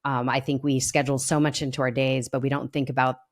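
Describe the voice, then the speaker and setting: A woman hosts a podcast interview in a relaxed, chatty style. Her voice is low for a woman, and she sounds upbeat and enthusiastic as she talks. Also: fast talker. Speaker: podcast host. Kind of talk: casual interview chat.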